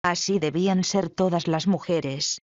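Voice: mid-range voice, steady tone, measured pace, no room sound, close to an everyday voice. A reader voicing a frank, sardonic young woman in a dramatic play reading. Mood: wry. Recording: dull, lo-fi, dry.

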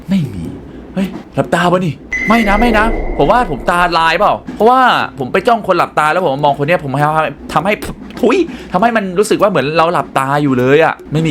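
A young man hosting a gaming channel, excitedly commenting on a puzzle game and talking to his viewers. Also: fairly high pitch, background noise. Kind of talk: let's play commentary.

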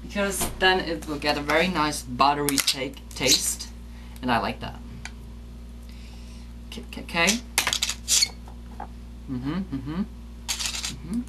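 In a small indoor kitchen, a young woman with a low voice chats to her pet bird and rambles while fixing lunch for a casual cooking vlog, speaking slowly with frequent pauses. Noisy audio comes from her handheld camera.

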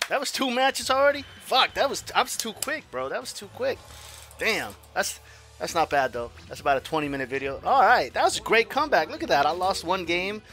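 A man giving live commentary on his own fighting game match, excitable, swearing and trash-talking. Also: sits high, brisk, faint music behind. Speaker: gaming streamer.

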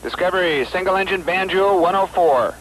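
A man's voice: high voice, brisk, a bit bright, slight background noise, poor audio. Man calling clipped callouts over radio. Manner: terse, procedural. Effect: air-to-ground radio transmission. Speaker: mission control capsule communicator.

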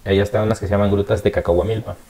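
Woman, podcast host; extremely low, dark voice, easygoing. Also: little pitch movement, racing. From Guerrero, Mexico. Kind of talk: casual interview chat.

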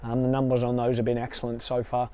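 A man in his thirties, a football coach, answering questions in a post-match interview outdoors by the pitch, measured and quick with small restarts. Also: monotone, mellow, smooth.

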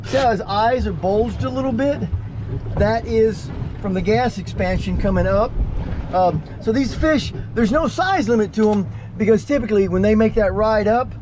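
A man's voice: high-pitched, moderate pace. A man hosting a fishing show, giving easygoing explanations from an open boat at sea, recorded on an action camera. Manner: explanatory, easygoing, with frequent fillers. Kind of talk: casual on-boat commentary. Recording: loud wind and boat noise.

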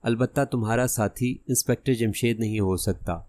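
A man voicing a cunning masked gunman in an audiobook who gives hushed, threatening orders. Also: mid-range voice, steady tone, no echo, lightly acted. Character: menacing masked male gunman, cunning and cold.

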